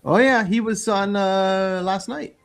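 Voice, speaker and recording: A man's voice: high-pitched, takes it slowly, creaky. A man trading playful jokes in a casual group chat over a video call. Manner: jokey, playful asides.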